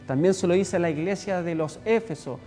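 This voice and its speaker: A man's voice: high-pitched, a little fast, mellow, long reverb tail, faint music behind. A man with a Chilean accent preaching a sermon, emphatic and repeating words for stress. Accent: Chilean Spanish.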